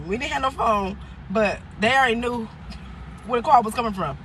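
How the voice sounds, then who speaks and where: Slightly high and fairly bright, this woman's voice moves at a moderate pace over a faint hiss or hum. Chatting as she eats, the vlogger retells a personal story in a rambling, casual way, breaking into laughs, starting over, and performing the voices of those she quotes.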